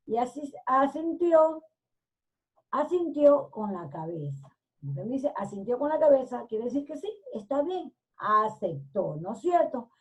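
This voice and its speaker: A woman's voice: on the high side, a little mellow, muffled recording. A woman teacher telling a storybook to children, stopping often to explain and to check that they follow. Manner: explains with frequent "¿no es cierto?" checks.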